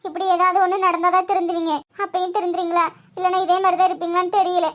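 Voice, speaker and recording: A woman's voice: very high voice, completely flat delivery, very fast, highs cut off. A woman voicing an earnest young daughter about to marry in a comedy cartoon, with a Tirunelveli Tamil accent and a pleading, reproachful manner.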